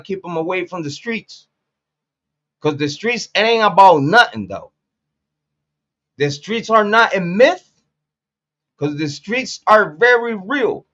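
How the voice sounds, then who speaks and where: Blunt high-voiced Puerto Rican man. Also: sharp tone, dull audio. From Puerto Rico. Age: 40s. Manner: blunt, profane, repeats phrases for emphasis. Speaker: commentary channel host. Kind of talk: casual street commentary monologue.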